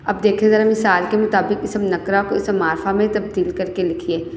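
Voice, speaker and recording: A young woman teacher explaining a lesson step by step, mixing in English words, checking understanding with repeated questions, and reading verse slowly and carefully. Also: medium pitch, fairly even intonation. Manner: mixes English words into her speech. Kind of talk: classroom lesson. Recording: echoey room with faint background noise.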